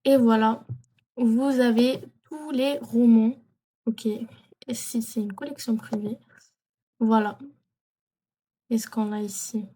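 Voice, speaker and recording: Hesitant young-sounding woman, mellow. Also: on the high side, fairly even intonation, slow, long pauses, husky. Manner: hesitant, many fillers and self-corrections. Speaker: vlogger. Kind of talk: casual screen tutorial.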